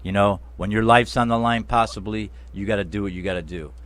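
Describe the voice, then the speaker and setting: A man's voice: lowish voice, brisk, fairly bright tone. A man hosting a talk show interview, emphatic and chatty, speaking to his listeners as friends. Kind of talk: casual interview.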